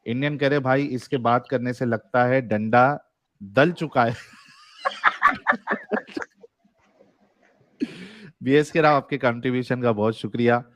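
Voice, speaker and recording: Casual and jokey, a livestream debate show host reads out viewer messages and laughs frequently. He talks at normal speed in a mid-range voice with fairly even intonation, and there's no echo.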